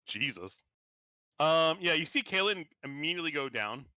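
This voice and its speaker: A man's voice: on the high side, expressive, moderate pace, bright, forceful tone, no room sound, clean studio sound. A man narrating as game master of a tabletop game, rambling with many fillers and restarts.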